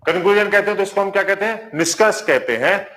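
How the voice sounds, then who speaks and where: A man's voice: sits high, fast talker, a little hiss or hum. A man teaching a live online reasoning class, repeating each point and quizzing his viewers. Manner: warm greetings to viewers. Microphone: marker on whiteboard.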